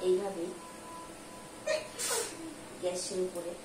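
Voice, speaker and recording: A middle-aged woman chats in a rambling, hurried way in a casual home cooking vlog, filmed in her kitchen by her husband. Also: lowish voice, flat delivery, over loud music. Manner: chatty and rambling, admits she talks hurriedly and mixes up words. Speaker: vlogger. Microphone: camera held by her husband at some distance. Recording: roomy, distant and noisy home recording.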